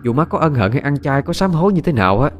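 Male narrator doing a shrill, nagging wife, high and lively. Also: quick pace, muffled recording, a little hiss or hum. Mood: shrill scolding. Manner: scolding, shrill and blunt. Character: sharp-tongued jealous middle-aged wife.

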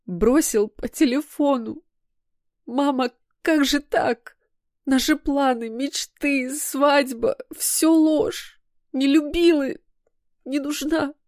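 A woman voicing a betrayed, heartbroken young woman in an audiobook, breaking into high, sobbing outbursts. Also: steady tone, slow pace, darkish tone, no echo, studio quality. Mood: anguished.

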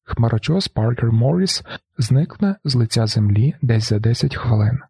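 A man reading a novel aloud in the first person, with a flat, brooding delivery. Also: medium pitch, moderate pace, vocal fry, breathy edge, no echo. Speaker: audiobook narrator.

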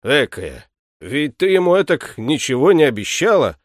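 A man voicing a stern, weary male household butler who speaks curtly in a lowered voice. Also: sing-song, normal speed, dry recording, studio quality. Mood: gruff. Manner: gruff, curt, lowered voice. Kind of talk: audiobook character reading.

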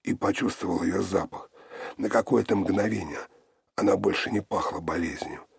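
A man narrating an audiobook in a low, even, gravelly delivery. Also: moderate pace, no room sound, studio quality.

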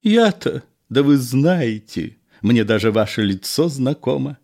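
A man voicing a nostalgic former card sharp who talks in effusive exclamations. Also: medium pitch, expressive, a little slow, vocal fry, pitched above the performer's own voice. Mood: gushing nostalgia.

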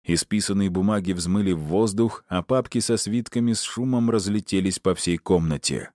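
A man narrating an audiobook in a lively storytelling manner. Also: low-pitched, normal speed, dry recording, clean studio sound.

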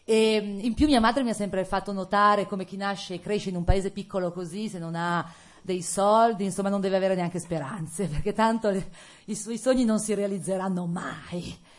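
A woman's voice: mid-range voice, normal speed. A middle-aged woman from Italy, an actress, telling her life story to students in a casual, hesitant way with many fillers and frequent laughter. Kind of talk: casual autobiographical talk to students. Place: lecture hall.

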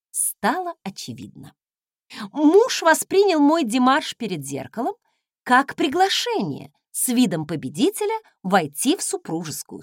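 A woman reading a first-person audiobook, with expressive, ironic storytelling. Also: a little high, dry recording, clean studio sound. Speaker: audiobook narrator.

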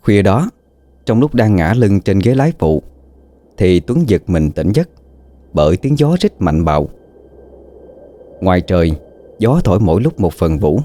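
Deep dark guy reading a horror story, lots of rise and fall, draggy spooky pacing. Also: very animated, no echo. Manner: slow, dramatic, suspenseful. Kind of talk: scripted horror story narration.

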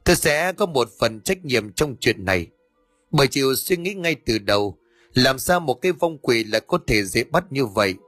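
A man's voice: mid-range voice, expressive, moderate pace, fairly bright tone, no echo, faint music behind. A male narrator voicing a stern middle-aged exorcist who scolds his son. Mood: calm.

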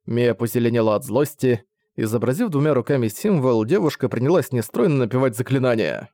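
Steady male audiobook narrator. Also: mid-range voice, fairly quick, no echo.

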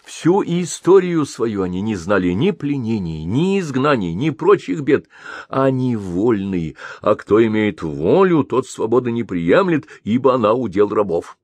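A man voicing a solemn male khagan who declaims in a measured way. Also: mid-range voice, sing-song, darkish tone, no room sound, voice pushed up. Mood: grave. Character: solemn male Khazar khagan, cautious and grave.

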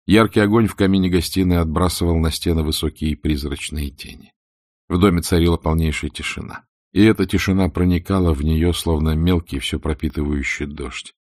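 A man narrating an audiobook in a measured, expressive way, with a husky, gravelly voice. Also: deep voice, dry recording, studio quality.

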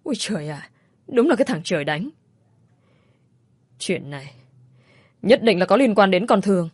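A woman voicing a shrill, scolding older mother-in-law who shouts at her family. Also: sing-song, moderate pace, slightly rough, no echo, clean studio sound.

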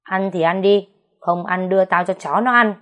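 A woman's voice: fairly low pitch, measured pace. A woman voicing a harsh, spiteful young first wife who scolds and snaps at the household. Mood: scornful. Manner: snapping, scolding.

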